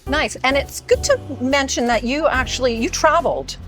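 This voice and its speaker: A woman's voice: high-pitched, normal speed, a bit bright. Upbeat woman co-hosting over faint music. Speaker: co-host. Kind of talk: casual interview chat. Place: restaurant, Vancouver.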